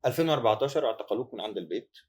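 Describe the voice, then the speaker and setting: A man hosting a podcast interview, asking gentle questions and giving short murmurs of assent. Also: medium pitch, lively intonation, very fast. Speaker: podcast host.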